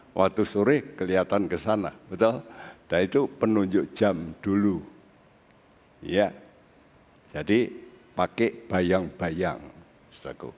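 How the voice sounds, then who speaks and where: Slow-preaching pastor in a reverberant church. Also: male voice, fairly low pitch. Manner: slow, conversational preaching with sudden excited rises. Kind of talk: sermon. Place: church sanctuary. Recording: long reverb of a large hall.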